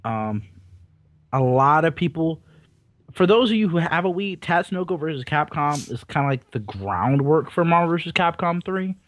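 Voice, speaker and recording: A man's voice: on the high side, sing-song, moderate pace, dry recording. A man co-hosting a casual gaming podcast, rambling and swearing casually with self-deprecating jokes. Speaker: podcast co-host. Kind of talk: casual chat.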